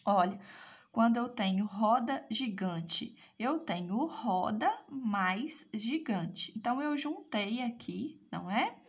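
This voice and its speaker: Husky woman teaching a language lesson. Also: on the high side, expressive, slow. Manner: explanatory, asks "certo?" and "né?" again and again. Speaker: Portuguese teacher. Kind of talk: recorded class lesson.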